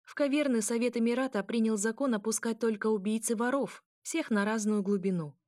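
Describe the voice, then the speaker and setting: A woman voicing a brash young noble mermaid woman, loud and commanding, laughing often. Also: on the high side, fairly quick, no room sound, clean studio sound, voice pushed up, close to an everyday voice. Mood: boisterous.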